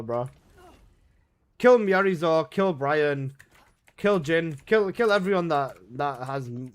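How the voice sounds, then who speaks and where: A young man chatting casually on a gaming livestream, answering his chat in laid-back slang from his room at home. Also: on the high side. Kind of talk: casual live-stream chat.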